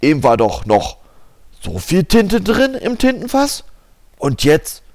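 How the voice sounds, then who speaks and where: A fussy middle-aged lawyer mutters in puzzlement, his voice gravelly and slow, as a man reads him. His pitch swoops widely as he wonders aloud. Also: wildly swooping pitch, darkish tone, heavily acted. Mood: puzzled.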